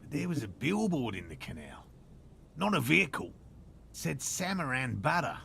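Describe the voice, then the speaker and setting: A prim, gravelly cryptozoologist. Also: male voice, a little high, sing-song, moderate pace, bright, forceful tone, a little hiss or hum, heavily acted. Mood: stiff. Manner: self-conscious, stiff, prim. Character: fussy, eager male cryptozoologist hunting a creature. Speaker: game character. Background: game music.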